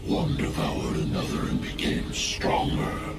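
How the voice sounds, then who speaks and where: A man voicing an ancient, menacing alien mentor creature in a video game, with gravelly, slow, portentous and cryptic delivery. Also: distant mic, natural voice. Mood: ominous, reverent. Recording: cavernous echo, game music behind.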